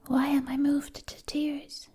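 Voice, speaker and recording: A woman whispering a poetic ASMR monologue right in the listener's ear on a close binaural mic, in breathy, deliberate, lyrical phrases with long pauses. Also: high voice, level tone, dark tone. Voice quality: breathy, mostly unvoiced whisper. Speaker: ASMR performer. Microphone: close binaural ASMR microphone.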